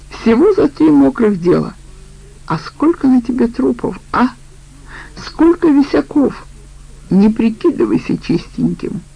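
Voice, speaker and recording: A sharp-tongued middle-aged woman in a crime audiobook needles her partner with a mocking edge, as a female narrator puts her on. The voice sits dark and a touch gravelly. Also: lowish voice, no room sound, low-quality recording.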